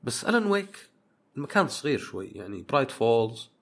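A man's voice: medium pitch, sing-song, fast, a bit bright. A man hosting a podcast, chatting casually and reading listener questions, rambling with many fillers. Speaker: podcast host.

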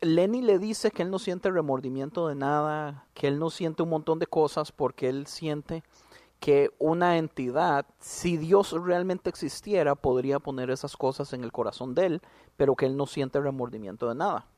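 A man's voice: fairly high pitch, moderate pace, a little mellow, no echo. Blunt, opinionated male podcaster. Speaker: podcast co-host. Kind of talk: casual chat.

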